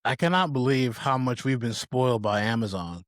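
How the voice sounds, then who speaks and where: A man's voice: mid-range voice, animated, moderate pace, dry recording, studio quality. A young man co-hosting a casual podcast who laughs often and teases his partner. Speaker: podcast co-host.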